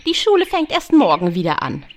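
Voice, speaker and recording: A woman's voice: mid-range voice, huge pitch swings, fairly quick, noisy background. A woman playing a stern, exasperated older aunt with a no-nonsense manner in an audio drama. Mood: firm, wry.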